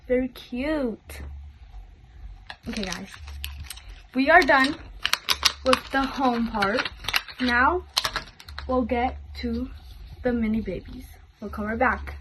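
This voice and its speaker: High-voiced young-sounding female unboxing vlogger. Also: a bit bright, poor audio. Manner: informal, repeatedly addressing viewers as "guys". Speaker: host of a toy unboxing video. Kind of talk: casual chatty unboxing vlog.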